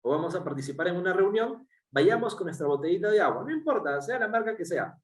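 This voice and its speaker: A man's voice: sits high, sing-song, quick pace. A man with a Peruvian Spanish accent giving a workshop lecture, explaining step by step with frequent fillers and tag questions. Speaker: workshop speaker. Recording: roomy, distant mic.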